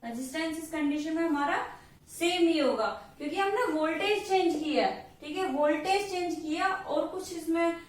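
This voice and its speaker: A woman with an Indian accent, a physics teacher who explains a worked example step by step in a patient way and keeps checking in with her students. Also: extremely high pitch. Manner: patient, checks in with "theek hai" after each step, writes out formulas slowly. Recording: echoey room, voice far from the mic.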